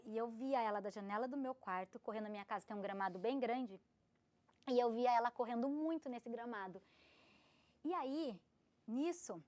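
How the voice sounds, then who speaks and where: A woman in her thirties, a podcast guest, telling an emotional personal story in an animated, expressive way. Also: a little high. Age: 30s. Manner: animated, expressive, laughs often.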